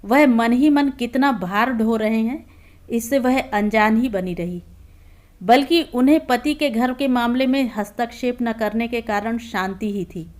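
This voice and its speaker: A woman narrating a literary short story aloud in a calm, even storytelling manner. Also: fairly high pitch, a little slow.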